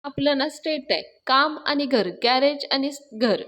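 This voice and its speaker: Blunt, rustic young mechanic, quick to bristle, as a woman narrator puts him on. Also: high voice, a bit bright, voice pushed up. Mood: pleading. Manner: rustic, indignant and pleading. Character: touchy young male garage mechanic, blunt. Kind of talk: acted quotes in a serial recap.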